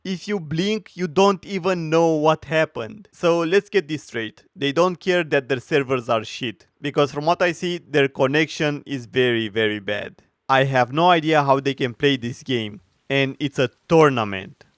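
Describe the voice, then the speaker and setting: Man, sarcastic commentary, mocking, slightly high voice, smooth. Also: dry recording, clean studio sound. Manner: sarcastic, mocking, frequent filler pauses. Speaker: commentary youtuber. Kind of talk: opinionated video commentary.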